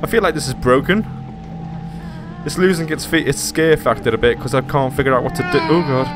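A man's voice: medium pitch, brisk, music in the background. A frightened man commenting on a horror game as he plays, jittery, swearing and talking to himself. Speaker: let's play gamer.

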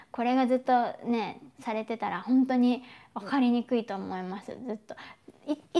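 A woman from Japan hosts a relaxed solo chat, her voice pitched a little high. She talks loosely, filling pauses and laughing easily as she answers listeners. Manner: chatty, frequent fillers and laughs. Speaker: host. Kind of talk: casual solo chat reading listener messages.

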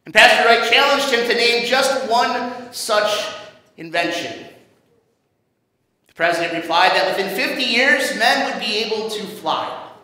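A male pastor with a high, bright voice tells the sermon's story in a measured, dramatic way. His voice rings out through a large church, with a long, echoing reverb trailing every phrase. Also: animated. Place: church sanctuary. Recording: echoey church hall reverb.

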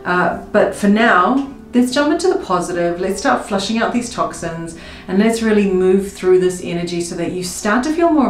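A woman coaching viewers through a tapping session, speaking slow, emotive first-person affirmations. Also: fairly low pitch. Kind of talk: guided tapping script spoken in first person. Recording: roomy with faint music behind.

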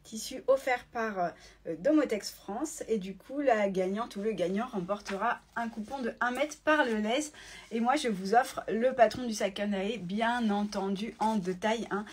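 A woman hosts a casual live stream from her phone, talking fast and chatty as she answers viewer comments. Her voice sits a little high and has a husky edge. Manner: chatty and quick, reads viewer comments aloud. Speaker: sewing shop owner hosting a live giveaway. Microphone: phone in selfie mode.

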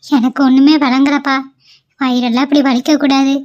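The recording is dull, and the woman's natural voice is high, darkish and flat, at normal speed. She is doing cartoon voice work as a caring, anxious middle-aged mother-in-law who soothes, frets, and calls on god.

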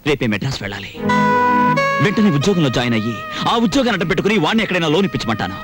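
A man's voice: a little high, sing-song, rapid-fire, music in the background. An actor playing a carefree young man in a film, breezy and teasing, dropping English words in. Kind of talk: film dialogue.

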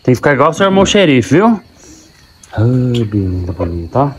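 A man's voice: mid-range voice, big pitch swings, fairly quick, a little hiss or hum. Farmer coaxing his cows. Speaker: dairy farmer. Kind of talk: casual farm vlog narration. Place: outdoors on a cattle farm. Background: faint animal, bird and insect sounds.

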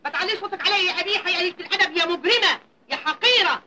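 An actress playing a scheming, spiteful wife who bullies her maid, with shrill, scolding speech in 1950s Egyptian film style. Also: racing, noisy background. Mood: furious.

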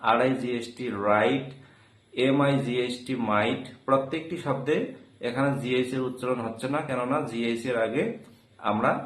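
A man teaching an English pronunciation lesson in Bengali, spelling out each example word slowly and repeating it. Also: medium pitch, fairly bright tone, echoey room, rough recording. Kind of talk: video lesson.

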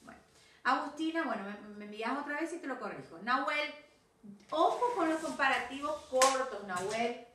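An English teacher with a Rioplatense Spanish accent records class feedback, correcting her pupils and repeatedly checking that they understand. Her voice is high-pitched with lively intonation and a moderate pace. She is off-mic and distant in an echoey room with a noisy background.

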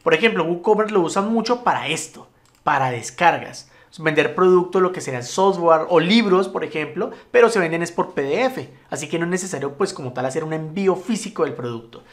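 Lively chatty man teaching. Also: on the high side, fairly quick. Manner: relaxed, chatty, addresses viewers as "muchachos"; frequent checking tags like "¿listo?" and "¿vale?". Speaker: web tutorial instructor. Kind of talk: casual screen-recorded tutorial.

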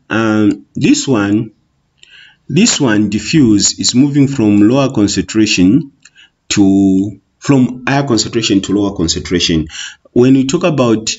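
A Zambian teacher who speaks Bemba and has a Tonga-influenced English accent talks through an exam paper in an online lesson. His voice is lowish, a little mellow, with a breathy edge, and he explains slowly and patiently, saying "okay" again and again. It's a muffled, lo-fi voice-over on a screen recording.

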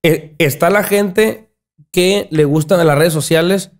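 Young guy w/ sinaloa accent, podcast chat, kinda high voice, gestures a lot and restarts words. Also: slow. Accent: Sinaloa Mexican Spanish. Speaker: podcast guest, content creator. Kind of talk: casual chat. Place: small dark podcast studio. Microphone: studio mic on boom arm, headphones.

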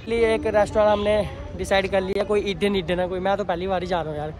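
This is casual vlog narration from a young man whose high voice stays flat while he speaks quickly, treating his viewers as friends and guys. The setting shifts from outdoors in town to a busy restaurant. Music and crowd noise fill the background of the phone recording.

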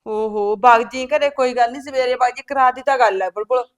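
A middle-aged woman playing a patient older sister and farm-living mother who keeps calming her sibling down. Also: fairly high pitch, fairly quick, no echo, lightly acted. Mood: placating. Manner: soothing, placating, often asks back "huh?". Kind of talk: village family drama acting.

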